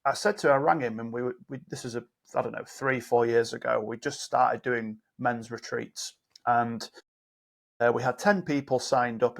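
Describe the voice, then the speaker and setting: A man appears as a guest coach on a podcast, animatedly telling stories and acting out both sides of each conversation. His voice is medium-pitched and gravelly.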